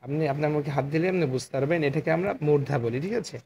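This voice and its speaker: A male Quran teacher with a fairly high voice gives a patient lesson on letter sounds, drawing each one out and repeating it. He speaks into a phone, and a faint hiss sits under his voice. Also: racing, darkish tone, lo-fi sound. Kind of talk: online lesson on letter articulation.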